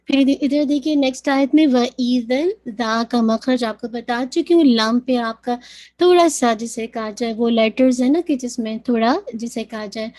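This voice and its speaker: A woman teaching Quran recitation, patiently demonstrating sounds slowly and repeating them. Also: a little high, fairly even intonation, darkish tone. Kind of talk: tajweed lesson, mixing Urdu and English.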